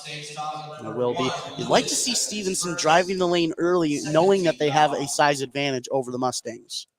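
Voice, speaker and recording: Doing radio play-by-play for a basketball game, this man speaks at a moderate pace in a voice on the high side. He lifts his voice as the action builds, growing excited on shots and steals.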